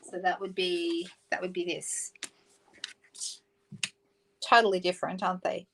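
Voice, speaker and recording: Her lowish voice is creaky and a bit bright, delivered flatly at a measured pace, as this middle-aged Australian woman hosts a casual live papercraft stream. She chats, reads out viewer comments and corrects herself. The rough recording has slight background noise.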